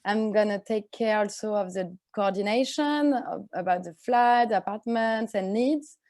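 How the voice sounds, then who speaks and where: A woman's voice: mid-range voice, a little slow, a little mellow, dry recording. French-speaking woman introducing herself as coordinator. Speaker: program coordinator. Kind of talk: self-introduction.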